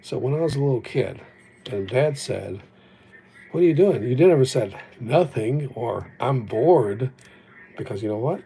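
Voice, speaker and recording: Recorded on an old phone in low quality with slight hiss or hum, a man who grew up speaking Japanese hosts a livestream. His mid-range voice is animated yet mellow and creaky, at a moderate pace, as he rambles reflectively and teases himself.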